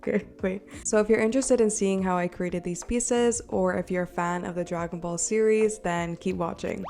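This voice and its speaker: Soft music plays behind a young woman with a fairly low, slightly sick-sounding voice as she talks through her polymer clay craft video. Speaking into a borrowed desk mic, she chats warmly, pokes fun at herself and laughs lightly.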